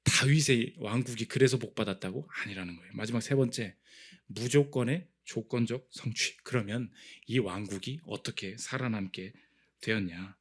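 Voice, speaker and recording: A man preaching a Sunday sermon as pastor, animated, acting out quoted voices and building to emphatic peaks. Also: fairly low pitch, moderate pace, slightly rough. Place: church sanctuary.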